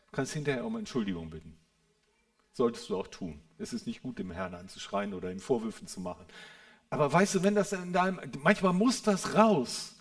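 A man preaching a sermon in an earnest way, moving between quiet, reverent passages and loud, fervent ones, often checking in with the listeners. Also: medium pitch, vocal fry. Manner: addresses listeners with a questioning "Ja?".

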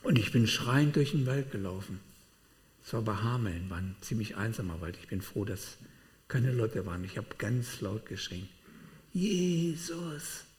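A man preaching a sermon, telling personal testimony in an animated way with sudden swings between loud and quiet. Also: medium pitch. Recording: long hall reverb.

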